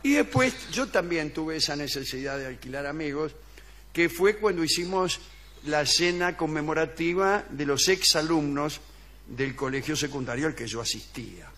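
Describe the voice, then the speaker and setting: An Argentine man tells a tall tale in deadpan fashion, his voice bright and a shade high. He chuckles along and slips into the voices of the people he quotes, like a sketch on live radio. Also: moderate pace. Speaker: comic storyteller guest. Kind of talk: comic radio sketch monologue.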